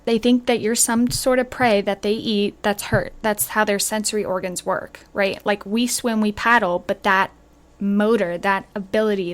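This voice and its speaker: A young woman in casual podcast chat, enthusiastic and chatty with frequent fillers. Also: mid-range voice.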